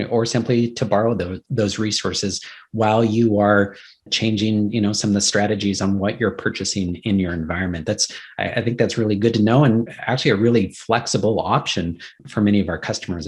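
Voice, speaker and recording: A man's voice: on the low side, fairly quick. A man interviewing a guest, asking questions and affirming the answers with some hesitant restarts.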